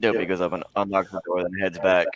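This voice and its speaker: A man playing a tabletop game, talking in a relaxed, plain way. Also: low voice, fast talker, no room sound, dull audio. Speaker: player. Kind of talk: casual chat.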